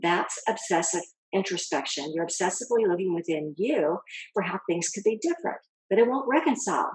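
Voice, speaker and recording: A woman acting as a self-help speaker gives a calm motivational talk, coaching the listener directly and posing rhetorical questions. Her voice is lowish and breathy-edged, fairly quick, and the audio quality is poor.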